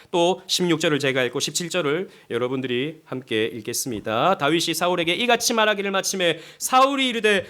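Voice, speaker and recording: A male pastor from South Korea preaching a sermon, acting out quotes with sudden loud rises and hushed drops. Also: fairly high pitch.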